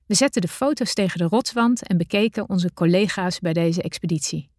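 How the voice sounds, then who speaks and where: A woman narrating her own adventure story in the first person, with a measured, deliberate reading style. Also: on the low side, darkish tone, dry recording, studio quality.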